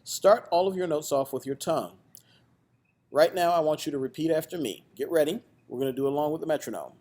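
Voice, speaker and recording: A man's voice: fairly high pitch, a little fast, warm tone, a little hiss or hum. A man, a music teacher, giving a direct step-by-step trumpet lesson to students on video. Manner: patient, direct, counts aloud with students.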